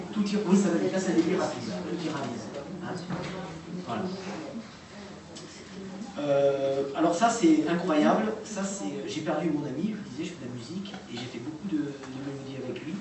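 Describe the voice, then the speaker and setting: A man's voice: fairly high pitch, brisk, over a noisy crowd. Hesitant man talking in an echoey room. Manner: hesitant, full of fillers and restarts. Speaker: presenter of recordings to an audience. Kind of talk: informal talk to a live audience. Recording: echoey room, distant mic, noisy.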